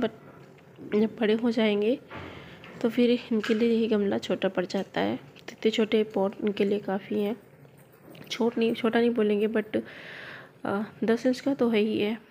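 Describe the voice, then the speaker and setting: A woman's voice: a little high, little pitch movement, moderate pace, warm tone, slight background noise. A woman vlogger chatting to her viewers as she plants cuttings in her home garden, filming on a phone she holds in one hand. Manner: chatty, addresses viewers as friends. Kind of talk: casual gardening walkthrough. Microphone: phone held in hand.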